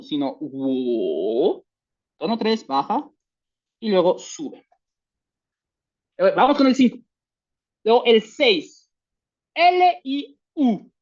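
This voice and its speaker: A woman teaching a language class online, slowing down to demonstrate each sound. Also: medium pitch, dull audio.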